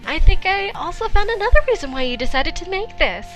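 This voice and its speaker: A woman's voice: very high voice, sing-song, brisk, a bit bright, soft background music. A woman giving blunt, teasing comedic commentary.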